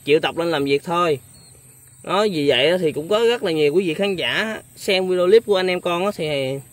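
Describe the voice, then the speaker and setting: A man's voice: fairly high pitch, a bit bright. A young man hosting a casual interview, speaking politely with many hesitant fillers. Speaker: vlogger host.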